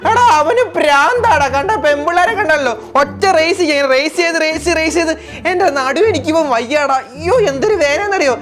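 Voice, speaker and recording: A woman's voice: sits high, lively intonation, a little fast, a bit bright, soft background music. A woman voicing a whiny, aching bike seat in a comedy sketch, groaning and grumbling. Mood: complaining.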